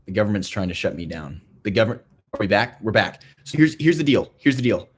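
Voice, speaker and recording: A young man giving a playful, mock-serious talk to a youth group, rambling with restarts and a deadpan tone. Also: on the low side, fast, slightly rough. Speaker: youth ministry speaker.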